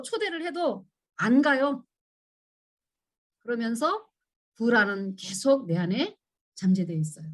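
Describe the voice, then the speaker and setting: A middle-aged woman lectures at a church women's seminar, her voice sitting a little high. She acts out her old pleas in quoted lines and often turns to ask the audience questions. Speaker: seminar speaker.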